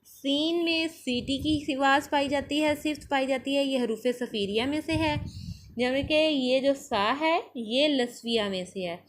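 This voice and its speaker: A patient woman teacher leads a Quran recitation lesson. She says each syllable slowly and carefully and repeats every word several times. Her voice sits a little high, and she talks at an unhurried pace. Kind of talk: slow tajweed lesson with drilled syllables.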